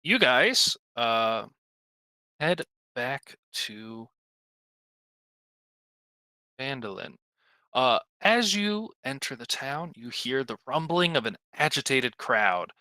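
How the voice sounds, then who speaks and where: A man's voice: mid-range voice, sing-song, takes it slowly, pushed and bright, no room sound. A man narrating a tabletop game as game master, casual and profane with many fillers.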